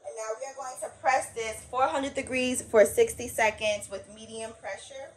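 Talking as she crafts, a woman leads a hands-on tutorial in her small workroom, casual and folksy and addressing everyone as "y'all." Her voice is a little high and her pace moderate. The audio comes from a camera mic, uneven and full of room noise.

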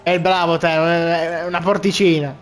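A man's voice: on the high side, level tone, normal speed, soft background music. A young man with a boyish voice, joking and swearing through casual gameplay commentary to his viewers. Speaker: let's play gamer.

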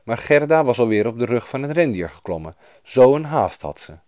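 A man reads a fairy tale aloud with a bouncy, animated voice. The recording is dry and a little dull, like an older lo-fi track. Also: medium pitch, brisk, no room sound. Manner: lively storybook reading, voicing each character. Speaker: storyteller. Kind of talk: scripted fairy-tale narration.

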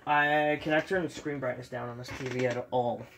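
A young gaming channel host with a slight cold, sniffly, casually comments while playing a game in a dark room at home, filming the TV screen. He rambles and is self-deprecating, with many ums. His mid-range voice is fairly even, a little fast and fairly bright, and there's a little hiss or hum.

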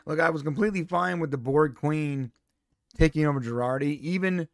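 A man's voice: a little high, fairly quick, no echo, clean studio sound. A man co-hosting a casual review podcast, ranting in an exasperated, emphatic way from a home setup. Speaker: podcast co-host.

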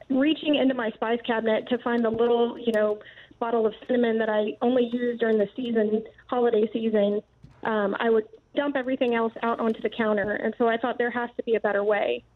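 A woman calls in over a narrow, tinny phone line. Her voice sits slightly high as she explains a product she invented, politely and in practical steps. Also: fairly even intonation, fairly quick. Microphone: phone call into live show.

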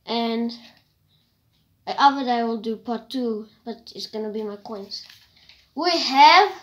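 A woman from Africa, casually showing things to camera in a hesitant, rambling way with soft whispered asides. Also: on the high side, slow. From South Africa. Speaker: vlogger. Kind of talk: casual show-and-tell vlog.

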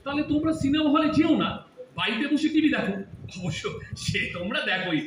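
A man's voice: very high voice, lively intonation, fast. A man playing a grown son in an audio drama, teasing and lecturing his mother and aunt. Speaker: radio drama actor. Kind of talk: Bengali audio drama acting. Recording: distant echoey room with faint hiss.

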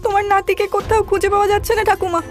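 Super high pleading young wife in a bengali cartoon, music behind, a woman playing her. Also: flat delivery, very fast. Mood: frantic. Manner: pleading, emotional. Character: anxious young wife, Surama. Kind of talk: cartoon voice acting.

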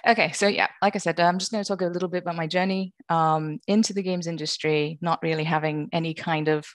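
Low-voiced woman on a headset call. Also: steady tone, fast talker, no room sound. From England (born in Wales, grew up in Liverpool). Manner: friendly, self-deprecating, laughs often. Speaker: games industry panelist. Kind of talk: online panel talk. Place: small room indoors. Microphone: headset on a video call.

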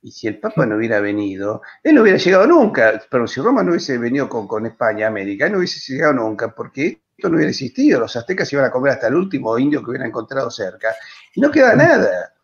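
An Argentine man speaking as a guest historian, telling a historical story with lively digressions and voicing the people in it. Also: mid-range voice, very fast, few pauses, lo-fi sound. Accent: Argentine Spanish. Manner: lively, digressive, voices quoted characters. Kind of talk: animated storytelling in a panel discussion.

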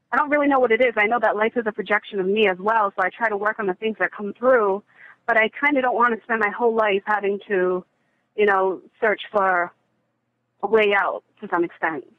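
A woman's voice: medium pitch, no room sound. Breathless woman caller on a phone line. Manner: fast, earnest, slightly out of breath. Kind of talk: caller asking a question. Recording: tinny, dry phone line.

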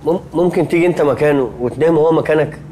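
A man's voice: on the high side, racing, dark tone, a little hiss or hum, close to an everyday voice. A man playing a jumpy, suspicious young Egyptian guy. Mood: jittery. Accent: Egyptian Arabic. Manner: nervous, quarrelsome sitcom banter. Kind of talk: TV sitcom acting.

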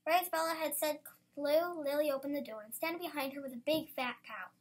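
High-voiced schoolgirl reading her story. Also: brisk. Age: child. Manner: lively, bursts into excited exclamations. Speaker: student storyteller.

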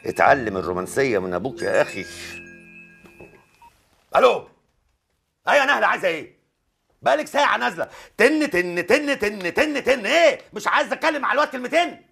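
An actor playing a father who lectures his son on romance, with an Egyptian Arabic accent and a gravelly, teasing manner. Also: high voice, very animated, quick pace, long pauses, pushed and bright, exaggerated voice. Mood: bossy. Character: older father, smug romantic advisor, scolding. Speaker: father giving advice. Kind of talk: Egyptian film comedy. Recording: film soundtrack with music.

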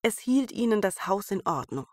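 A woman's voice: mid-range voice, sing-song, normal speed, dry recording, clean studio sound. A woman storyteller reading a German fairy tale aloud as a bedtime story. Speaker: podcast storyteller.

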